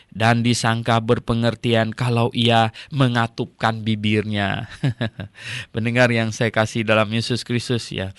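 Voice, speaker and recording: A man's voice: medium pitch, no room sound, studio quality. A man teaching the Bible on radio in a folksy, conversational way, repeating his phrases and tagging them with a questioning "ya", with the odd chuckle.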